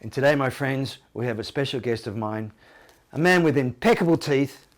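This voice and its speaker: A man's voice: mid-range voice, animated, moderate pace. A man hosting a casual interview, joking, swearing and rambling through his questions. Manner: jokey, swears, laughs often, rambling questions. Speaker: interview host.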